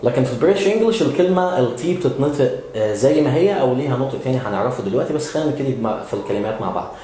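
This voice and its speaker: Egyptian male English teacher, brisk, patient, hesitant fillers, reverberant room. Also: medium pitch, lively intonation, warm tone, slight background noise. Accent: Egyptian Arabic. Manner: patient, with many "aah" fillers, models words slowly. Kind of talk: explanatory language lesson. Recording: very echoey room.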